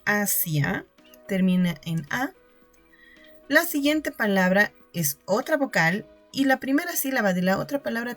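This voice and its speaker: A woman teacher giving a recorded lesson, explaining step by step and checking in with her students. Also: mid-range voice. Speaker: secondary school teacher.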